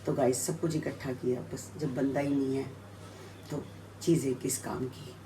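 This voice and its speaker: In her home kitchen, a middle-aged mother and family vlogger cooks while chatting casually to viewers, drifting from one topic to the next. Her voice is very deep and mellow, with little pitch movement and a moderate pace, over a slight hiss or hum.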